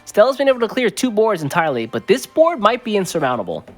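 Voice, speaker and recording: A man's voice: high-pitched, huge pitch swings, fast, soft background music. A man co-casting an esports card game, laid-back and joking in banter. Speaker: esports co-caster. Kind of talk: live esports commentary.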